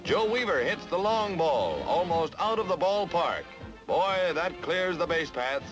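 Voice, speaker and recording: A man narrating an old 1940s newsreel in brisk, jaunty announcer patter. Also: a little high, expressive. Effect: old newsreel soundtrack. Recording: newsreel narration over music.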